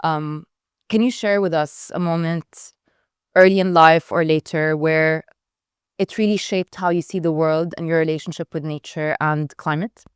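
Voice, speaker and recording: Smooth low-voiced young woman moderator. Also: fairly even intonation, normal speed, dry recording, studio quality. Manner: chatty, filler-heavy questioning. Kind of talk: panel moderation.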